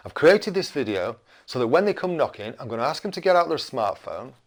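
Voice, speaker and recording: Cranky British man ranting, swinging pitch. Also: big pitch swings, brisk. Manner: indignant, cranky grumbling; emphatic, rhetorical questions and repetition. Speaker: video blogger. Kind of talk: opinionated rant to camera.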